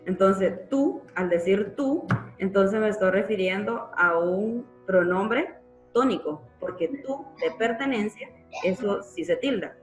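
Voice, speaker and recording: A woman's voice: mid-range voice, animated, a little slow, roomy sound, soft background music, rough recording. A woman teacher giving a live online grammar class, explaining patiently and checking in with frequent tag questions. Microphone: computer mic in a live online class.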